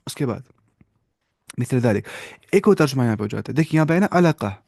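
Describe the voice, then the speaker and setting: A man's voice: medium pitch, lively intonation, vocal fry, darkish tone, dry recording, studio quality. A man teaching a religious lesson, asking his listeners questions and repeating key terms as he explains them. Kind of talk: classroom lesson on hadith.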